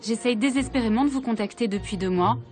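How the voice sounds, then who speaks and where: A woman's voice: fairly high pitch, quick pace, darkish tone. A woman journalist narrating a documentary voice-over in an earnest, searching way. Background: background music.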